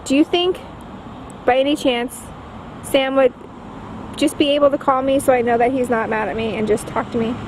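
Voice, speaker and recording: A woman's voice: high voice, steady tone, moderate pace, pauses often. A woman chatting casually on a phone call, hesitant and full of questions. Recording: noisy phone call recording.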